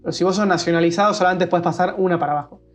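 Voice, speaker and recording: A man with an Argentine accent, co-hosting a podcast in casual chat and explaining things quickly, with restarts and fillers. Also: high-pitched, steady tone. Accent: Argentine Spanish. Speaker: podcast co-host.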